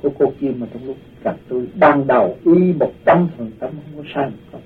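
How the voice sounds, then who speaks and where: A man's voice: medium pitch, fairly quick. A man animatedly recounting a personal story and acting out the voices of the people in it. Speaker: storyteller recounting his past. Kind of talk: spoken personal testimony. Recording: tinny phone-like distant recording.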